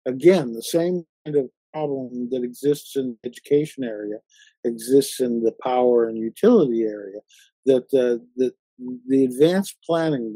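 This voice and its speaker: A man hosting a conversational interview, talking haltingly with many fillers and restarts. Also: mid-range voice, warm tone, breathy edge, dry recording, low-quality recording. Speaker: interview host.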